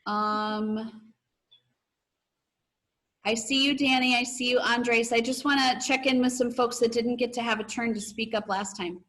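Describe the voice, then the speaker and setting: In an online video class recorded via video call, a teacher reads aloud and steers discussion with encouragement. Her voice sits on the high side, steady in tone and fairly bright, and she speaks without hurrying.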